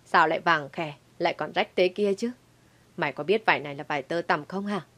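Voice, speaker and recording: A woman voicing an older mother-in-law who yells and scolds her daughter-in-law. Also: on the low side, fairly even intonation, moderate pace, lightly acted. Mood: furious scolding. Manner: yelling, scolding.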